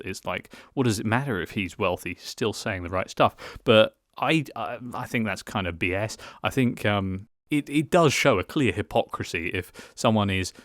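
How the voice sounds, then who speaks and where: Guy a bit drunk doing a film review, lowish voice, dry sound, rambles and stumbles over his words. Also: a bit bright, no room sound. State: tipsy from drinking wine. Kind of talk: casual solo film review, rambling opinion.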